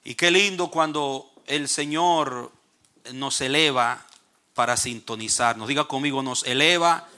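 A man preaching a sermon, reading scripture aloud with rising emphasis and frequent pauses. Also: medium pitch, sharp tone. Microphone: streamed online service.

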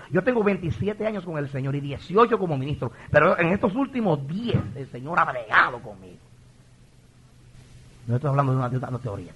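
Forceful husky male preacher. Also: mid-range voice. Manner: emotional testimony with frequent stumbling repetitions. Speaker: pastor. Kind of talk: impassioned sermon.

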